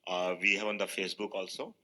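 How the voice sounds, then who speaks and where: A man's voice: low-pitched, little pitch movement, fast, pushed and bright. A man with an Indian accent explaining things informally as a guest panelist, slipping into Hindi and checking in with tag questions. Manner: informal, slips into Hindi, ends points with "right?". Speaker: guest panelist, fundraiser organiser. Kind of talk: casual explanation on a talk show.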